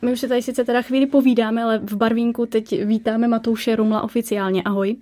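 Chatty higher-voiced female host. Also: little pitch movement, dark tone. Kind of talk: interview chat.

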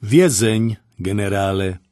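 A man's voice: on the low side, dark tone, no echo, studio quality, close to an everyday voice. A man voicing a dutiful male army officer, anxious and respectful, who reports to his general in a formal way. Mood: reporting.

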